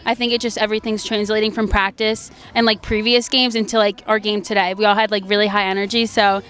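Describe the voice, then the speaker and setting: A woman's voice: mid-range voice, level tone, fast talker, a bit bright. A young woman college athlete giving a postgame interview outdoors at a stadium, speaking into a handheld mic in a bubbly way, full of "like". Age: young adult. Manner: bubbly, peppers talk with "like". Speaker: college player. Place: outdoor stadium by a sports field. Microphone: handheld interview mic held in front.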